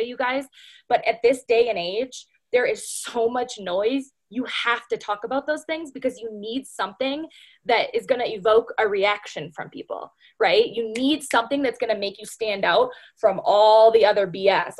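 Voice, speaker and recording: Woman, somewhat high voice, casual motivational talk, chatty, lots of "like" and "you know", coaching a team. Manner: chatty, peppered with "like" and "you know", addresses listeners as "you guys". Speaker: speaker training a sales team.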